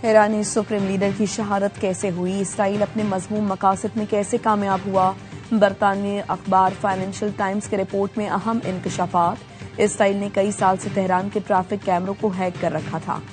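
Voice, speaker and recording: A woman reading scripted news headlines in a brisk, formal delivery. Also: medium pitch, level tone, over music. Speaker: news anchor.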